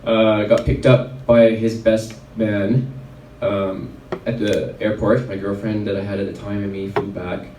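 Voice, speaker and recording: A mellow, level-toned man with a voice on the low side speaks a little slowly, with few pauses. The chiropractor, from Red Deer, Alberta, Canada, tells a personal story at a wellness event, casual and rambling with many fillers. A distant mic at the event venue gives roomy sound plus a little hiss or hum.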